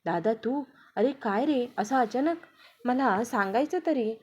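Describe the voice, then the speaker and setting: A shy, easily vexed young wife , played by a woman narrator. The tone is mellow and dark. The recording is dull and lo-fi. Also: fairly high pitch, unhurried, husky. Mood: surprised. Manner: scolding, bashful.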